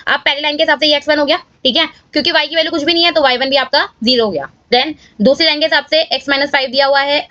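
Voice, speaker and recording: A woman's voice: high voice, fairly bright tone, no room sound, dull audio. A woman teaching maths step by step in a casual manner, often checking in with viewers. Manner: casual, addresses viewers as guys, checks with "clear?".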